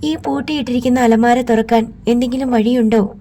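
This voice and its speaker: A woman's voice: on the high side, fairly even intonation, fairly quick, warm tone. A woman reading an audiobook, voicing a stubborn young woman who questions and holds firm.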